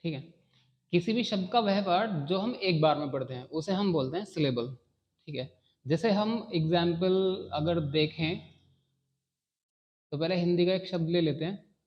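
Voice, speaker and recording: A man's voice: fairly high pitch, normal speed, pauses often, highs cut off. A man teaching a beginner phonics lesson, repeating key phrases and checking in often with his students.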